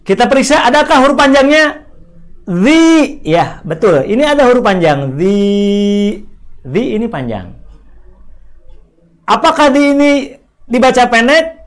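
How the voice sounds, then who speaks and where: Guy teaching quran reading online, pretty high voice, repeats stuff, slows way down on examples. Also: sing-song. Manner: asks questions and answers them himself, repeats points; stretches words out slowly when demonstrating readings. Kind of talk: online Quran recitation lesson.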